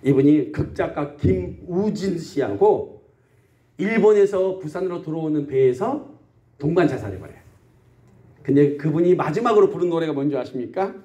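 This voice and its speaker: Lively, high-voiced male pastor preaching. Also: moderate pace, dull audio. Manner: asks the congregation questions and answers them himself; acts out everyday complaints in quotes. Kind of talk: sermon. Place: country church sanctuary.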